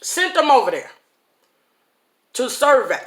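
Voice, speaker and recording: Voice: high voice, sing-song, unhurried. A speaker giving a casual devotional talk to viewers in a folksy way, chuckling often and speaking straight to the audience. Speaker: online inspirational speaker. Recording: roomy echo.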